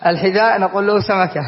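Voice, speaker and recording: A man from Yemen gives a classical grammar lesson in a high, light voice. He explains patiently and keeps checking that his students are following. The recording is dull and lo-fi, with long reverb from the hall. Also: a little fast. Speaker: Islamic scholar teaching grammar.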